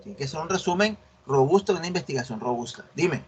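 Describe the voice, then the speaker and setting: Expressive and fast, the man speaks with a fairly high pitch over slight background noise. As a university instructor in an online class, he explains a research assignment, corrects his students, and asks "¿sí ven?" again and again.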